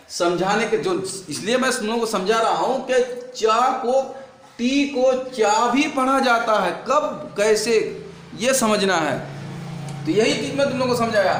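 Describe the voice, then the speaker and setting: A man teaching a classroom lesson, spelling words out slowly and drilling his students with repeated questions. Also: high-pitched. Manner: slow, drawn-out spelling. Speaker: English teacher. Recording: echoey room with faint noise.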